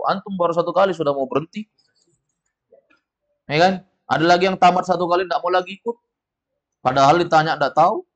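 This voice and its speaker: A man with a slightly high voice teaches an Arabic class casually and patiently, reassuring his students and slowly modeling pronunciation.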